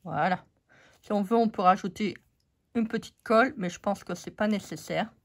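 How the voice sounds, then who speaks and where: A woman's voice: mid-range voice, normal speed. French woman losing her voice, chatty. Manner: chatty, many fillers, talks to viewers. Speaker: craft channel host. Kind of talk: casual craft haul chat.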